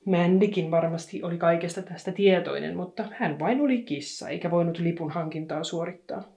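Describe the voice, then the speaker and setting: A woman reading a children's story aloud in a calm, unhurried way. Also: fairly low pitch, creaky. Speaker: audiobook reader.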